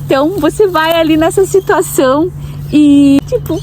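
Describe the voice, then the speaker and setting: A woman's voice: very high voice, normal speed, a little mellow. A young woman from Brazil, vlogging in casual talk to the camera and often asking viewers questions. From Brazil, Santa Catarina. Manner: chatty, asks viewers directly, frequent tag questions. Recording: noticeable background noise.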